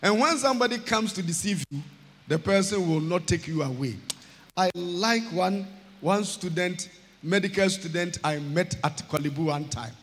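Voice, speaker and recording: A Ghanaian man, chairman of a church, preaching a sermon with emphatic, drawn-out phrases that rise to shouts. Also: high voice. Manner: emphatic, rising to shouts, stretching words slowly. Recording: long hall reverb.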